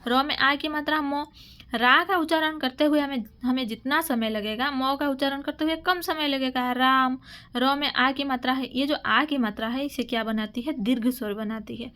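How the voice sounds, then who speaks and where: A woman's voice: high-pitched, normal speed, pushed and bright. A woman teaching a grammar lesson for exam prep, asking questions and answering them herself, often repeating and correcting herself.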